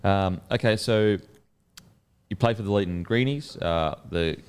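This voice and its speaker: A man's voice: low voice, unhurried, clean tone. A man with an Australian accent hosting a casual interview, encouraging his guest with frequent short replies. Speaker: podcast host.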